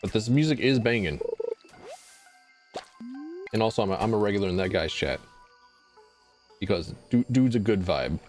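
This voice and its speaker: A man's voice: on the low side, moderate pace, pauses often, a little mellow. A young man streaming live, chatting casually in a rambling, self-deprecating way and swearing freely. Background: faint music.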